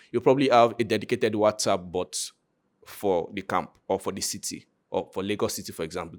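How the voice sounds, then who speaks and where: A Nigerian man giving an informal, conversational live presentation of his project, joking and speaking directly to his listeners. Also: on the low side. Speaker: content creator presenting a hackathon project.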